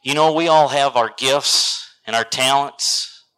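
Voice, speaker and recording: A man preaching a sermon, reading scripture and telling a story, who swings dramatically between loud lines and hushed whispers. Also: medium pitch, measured pace, clean tone, low-quality recording.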